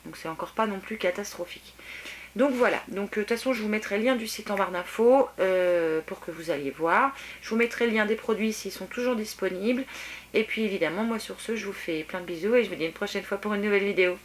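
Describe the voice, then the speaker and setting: A woman's voice: medium pitch, quick pace, slight background noise. Chatty French woman reviewing makeup. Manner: chatty, hesitant, many filler sounds; enthusiastic about products. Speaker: beauty vlogger. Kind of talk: casual product review to camera.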